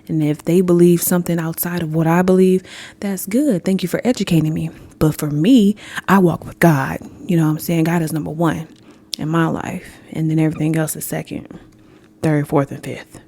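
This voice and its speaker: A woman's voice: sits low, fairly even intonation, moderate pace, vocal fry, mellow. A young adult woman hosting a podcast in casual chat, candid and swearing freely, laughing often and talking straight to listeners. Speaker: podcast host.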